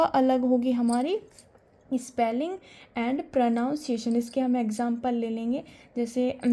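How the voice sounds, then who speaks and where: Lady teacher explaining grammar, soft warm voice, keeps asking and answering her own questions. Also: fairly high pitch. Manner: asks questions and answers them herself.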